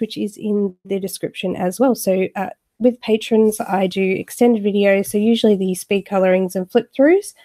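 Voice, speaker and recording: With a warm, mid-range voice, a woman who hosts a YouTube coloring channel chats with viewers during a live coloring stream. She's friendly and uses lots of fillers, and a cold leaves her sounding slightly nasal.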